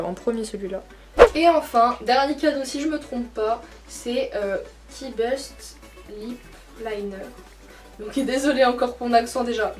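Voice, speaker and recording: Hesitant young woman vlogger, slightly high. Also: a little mellow, far from the mic. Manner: hesitant, many fillers, apologetic. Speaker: beauty vlogger. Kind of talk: casual unboxing vlog. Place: her mother's bedroom, indoors. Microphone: camcorder mic.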